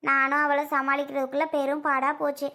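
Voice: high voice, completely flat delivery, brisk, sharp tone. A performer doing a fretful chatty mother. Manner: talkative, fretful, scolding. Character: chatty worried middle-aged mother. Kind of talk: family skit acting.

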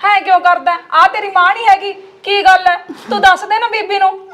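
A woman's voice: extremely high pitch, fairly even intonation, a little fast, crowd noise. A woman playing a probing village woman. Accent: Malwai Punjabi. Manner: probing, repeated questions. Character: concerned village woman, questioning. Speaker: female relative. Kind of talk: web series acting.

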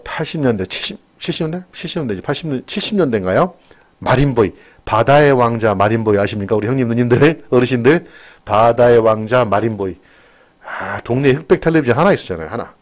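An older man giving a chatty exam-prep English lesson, drifting into personal asides. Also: mid-range voice. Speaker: English teacher.

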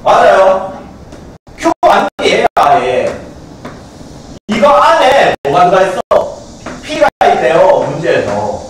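Lively Gyeongsang man teaching math. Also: sits high, slow, pauses often, slight background noise. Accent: Gyeongsang Korean. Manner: lively, quizzing students with constant checks. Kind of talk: classroom lecture. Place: classroom. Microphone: far camcorder. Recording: echoey classroom from a far camcorder.

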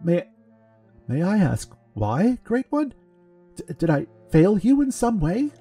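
An earnest young cleric stammers out his pleas, voice raised high and strained, as a man plays him. The tone is husky and breathy. Soft music runs beneath. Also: big pitch swings, slow pace, exaggerated voice. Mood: pleading, tearful. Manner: stammering, pleading, raised pitch. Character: young male cleric, earnest, tearful, devout.

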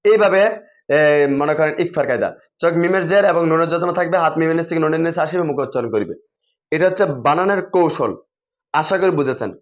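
A man teaching teachers how to drill children in reading, methodical and repeating set spelling patterns. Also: fairly high pitch. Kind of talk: instructional explanation for teachers. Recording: dull lo-fi recording.

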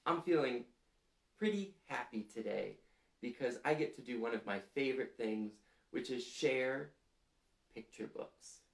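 Seated on a couch in a small, furnished indoor room, a storytime host in his thirties reads picture books to children and prompts them along in a gentle, deliberate, clearly phrased manner. His mid-range voice is animated, and the audio sounds roomy.

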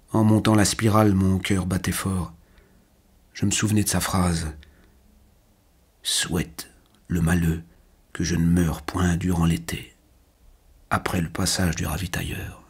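A man reading a literary novel aloud as a first-person audiobook narrator, in a measured, quietly emotional manner. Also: lowish voice, slightly rough.

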